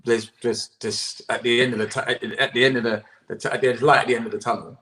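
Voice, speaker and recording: A man's voice: mid-range voice, little pitch movement, a little fast, sharp tone, rough recording. A man, the chair of a political campaign group, answering interview questions earnestly over a video call, restarting his sentences and often trailing off with "et cetera".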